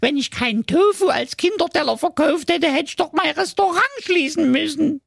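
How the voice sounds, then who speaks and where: A man voicing a tearful old witch who pleads slowly and whines. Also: very high voice, creaky, dry recording, studio quality, pitched above the performer's own voice. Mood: pleading. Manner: slow, whiny, pleading. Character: tearful confessing old witch, restaurant owner.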